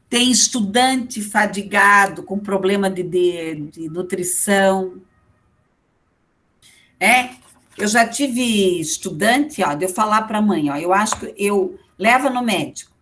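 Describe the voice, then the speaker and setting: A woman's voice: mid-range voice, fairly bright tone. A middle-aged woman with a Brazilian Portuguese accent, giving a casual lecture and checking in with her class after every few phrases. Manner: conversational, with frequent check-in tags to the class. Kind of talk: online lecture.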